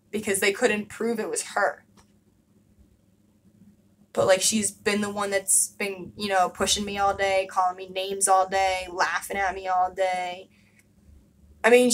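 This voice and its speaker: A woman's voice: mid-range voice, fairly even intonation, measured pace, fairly bright tone, low-quality recording. A young woman speaking candidly in a casual vlog, emphatic and full of fillers and swearing. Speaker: vlogger.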